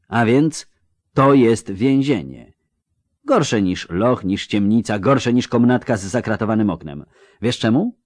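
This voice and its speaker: A man's voice: fairly low pitch, a little mellow, no echo, clean studio sound. A man voicing a proud, angry young woman who protests in heated, indignant outbursts.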